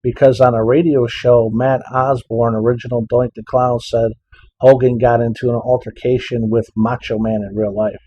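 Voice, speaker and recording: A man's voice: medium pitch, level tone, moderate pace, warm tone, muffled recording, slight background noise. A man co-hosting a casual podcast, mostly giving short agreeing replies and reading out listener questions.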